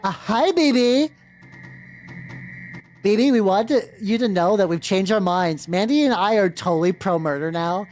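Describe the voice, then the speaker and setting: A woman's voice: medium pitch, normal speed, darkish tone, natural voice. A bubbly, airheaded young Valley Girl out of a video game, played by a woman reading aloud. She draws out her words in a Valley Girl drawl, with music faintly behind her. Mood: perky, drawling.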